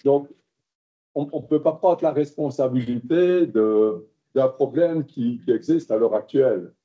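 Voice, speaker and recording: A man chairing a council meeting as mayor, explaining at length with many hesitations, recorded with dull low-fidelity sound. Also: measured pace. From Belgium. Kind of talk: council debate. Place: council chamber.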